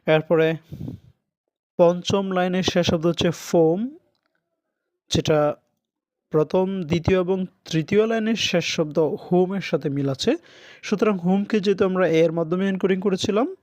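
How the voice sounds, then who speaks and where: A man teaching an English lesson, reading English lines slowly and translating them into Bengali. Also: high-pitched, a little mellow, no room sound. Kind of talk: recorded lesson.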